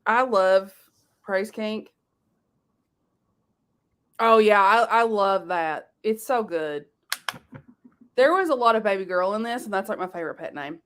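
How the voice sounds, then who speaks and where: A woman's voice: mid-range voice, animated, measured pace, long pauses, fairly bright tone. A woman hosting a casual book discussion, chatty and laughing, talking while eating. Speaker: booktube host. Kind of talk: casual chat.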